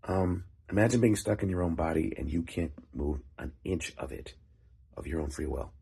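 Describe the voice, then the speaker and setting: A man with a very low, husky voice tells a story off the cuff. His tone is dark and mellow, with a phlegmy rasp. He speaks casually in short, halting phrases, pausing as he builds the tale. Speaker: writer and vlog host. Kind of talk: casual rambling storytelling monologue.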